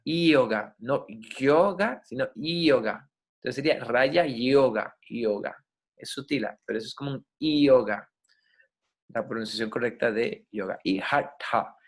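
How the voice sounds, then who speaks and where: A man, giving a yoga class lecture. He explains slowly, spells out and repeats Sanskrit words, and keeps checking in with his listeners. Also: on the high side. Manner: checks in with listeners, asking ok and right. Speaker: yoga teacher.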